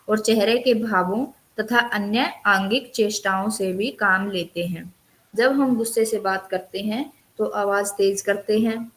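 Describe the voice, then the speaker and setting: A woman's voice: mid-range voice, a bit bright. A woman teacher giving an online lecture, reading from her notes and stopping to explain the terms. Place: recorded online counselling session.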